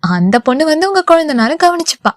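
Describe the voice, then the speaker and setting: A woman's voice: high voice, moderate pace, natural voice. Brief: playful, pleading young heroine in an audio novel, read by a woman. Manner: childlike, pleading.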